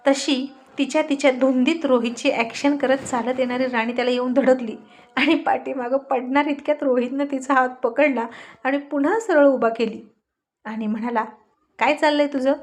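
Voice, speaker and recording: A woman reading a serialized story aloud in a steady storytelling manner. Her voice sits fairly high. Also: moderate pace. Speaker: story narrator.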